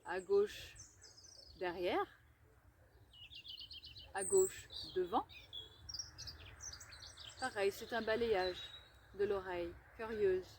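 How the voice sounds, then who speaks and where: A woman leading a guided listening meditation outdoors, giving gentle, unhurried instructions with pauses. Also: medium pitch. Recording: outdoor recording with clear birdsong noise. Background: birdsong, chirping, environmental noise.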